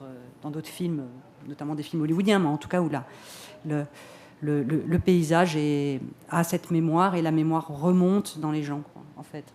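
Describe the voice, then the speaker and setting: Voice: medium pitch, darkish tone, slight background noise. A filmmaker giving reflective, hesitant answers at a press conference, often repeating words while thinking.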